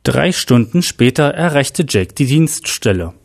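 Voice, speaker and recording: A man narrating a crime story aloud in a plain, steady storytelling voice. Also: mid-range voice, measured pace, vocal fry.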